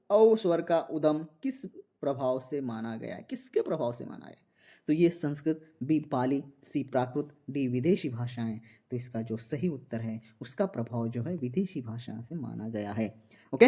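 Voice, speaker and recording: A man from India teaches a Hindi exam-prep class built around multiple-choice questions, explaining step by step and often checking whether the students follow. His voice is fairly high and mellow.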